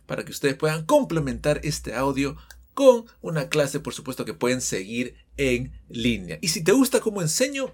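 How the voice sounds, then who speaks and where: A man gives an English pronunciation lesson. His voice is fairly high and a little husky, and it rises and falls a lot as he explains patiently and quizzes his listeners. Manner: explains patiently, asks the class questions. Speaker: English teacher.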